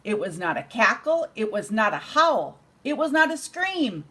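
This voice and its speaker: An older woman is reading a storybook to a child before bed, her delivery expressive and relaxed. She's a grandmother whose voice is a touch high and slightly rough.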